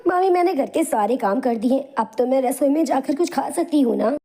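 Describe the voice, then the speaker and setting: A woman voicing a meek, mistreated young orphan woman who pleads timidly in an animated storybook. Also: sits high, fairly quick, breathy edge, heavily acted. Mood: pleading.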